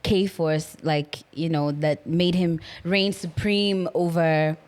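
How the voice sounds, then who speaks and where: A woman's voice: low voice, steady tone, takes it slowly, darkish tone. A woman with a Kenyan accent hosting a casual interview in a teasing, slangy way. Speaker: podcast host.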